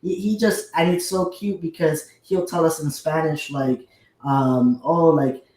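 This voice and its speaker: Young man, eager guest, higher-pitched, echoey room sound. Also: fairly even intonation, darkish tone. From United States. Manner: eager, talks in rushes with many restarts. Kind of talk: casual conversation. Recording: roomy echo.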